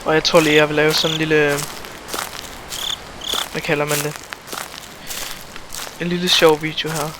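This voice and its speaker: A man's voice: on the high side, level tone, long pauses, noisy background. A young man rambling and swearing through a solo horror game, jumpy and scared, talking into a desk mic at home. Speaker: gamer. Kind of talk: solo horror let's play commentary. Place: room at home, alone. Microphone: desk mic, no facecam.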